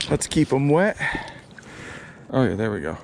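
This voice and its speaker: A man's voice: medium pitch, very animated, unhurried, vocal fry, a little mellow, slight background noise. A man giving casual, upbeat running commentary while fishing from a small boat on a lake, recorded on an action camera. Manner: upbeat, repeats words while landing fish. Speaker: fly fishing vlogger.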